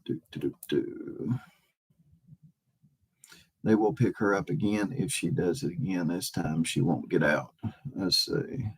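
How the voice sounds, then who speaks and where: His voice low and husky, a man hosts a laid-back livestream, speaking to viewers in a hesitant, halting way and going back over the same phrases.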